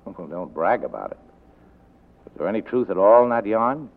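An actor playing a sardonic, terse private detective who wisecracks, in a 1940s radio drama. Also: male voice, on the low side, expressive, normal speed. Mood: cool, skeptical. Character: hard-boiled, sardonic, unflappable male private detective. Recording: tinny vintage 1940s radio recording.

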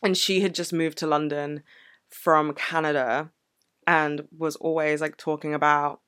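A woman's voice: deep voice, little pitch movement, a little slow, fairly bright tone, clear, resonant tone, no echo, clean studio sound. A woman vlogger telling a personal story in a candid, earnest, casual way. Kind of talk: casual reflective Q&A vlog.

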